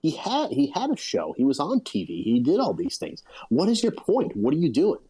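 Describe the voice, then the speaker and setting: A man's voice: on the high side, huge pitch swings, normal speed, mellow, breathy edge, rough recording. A man co-hosting a casual podcast chat, talking in emphatic, incredulous bursts. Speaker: podcast co-host.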